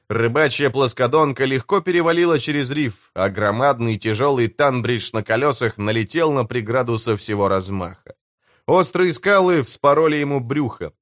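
A man narrating an adventure audiobook in an even, measured reading. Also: medium pitch, no room sound, studio quality. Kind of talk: scripted narration.

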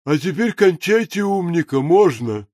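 A man voicing a sly, theatrical thief in an audiobook, slow and mocking. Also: a little high, lively intonation, darkish tone, no echo, studio quality.

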